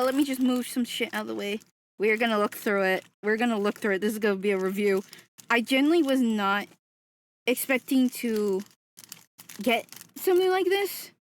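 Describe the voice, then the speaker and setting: A young woman streaming casually, excitable, often gasping and laughing, and swearing freely. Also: a little high.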